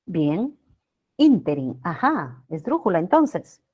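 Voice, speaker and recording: A woman teacher giving a grammar lesson to students, often checking in with them and drawing out words slowly for emphasis. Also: lowish voice, big pitch swings, darkish tone. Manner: addresses students with frequent checking questions.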